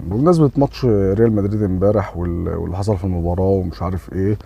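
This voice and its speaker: A man with an Egyptian Arabic accent telling a funny everyday story, acting out each friend's lines in quoted dialogue. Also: fairly low pitch. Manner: animated retelling with quoted dialogue and repeated "ya 3am" fillers. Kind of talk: casual story told to camera.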